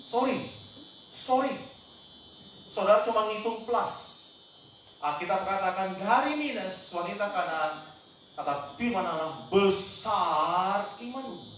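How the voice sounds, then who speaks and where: High-voiced preaching man in echoing church. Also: unhurried. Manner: emphatic preaching, mixing English words, shouting quoted cries. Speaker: pastor. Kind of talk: sermon. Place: church hall. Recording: very echoey church hall, mic at a distance, faint noise.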